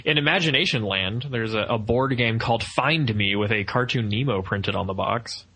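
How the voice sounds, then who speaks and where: A man co-hosts a film review podcast, chatting casually with geeky enthusiasm in a fan discussion. His voice is fairly low and husky with a sharp tone, at a moderate pace.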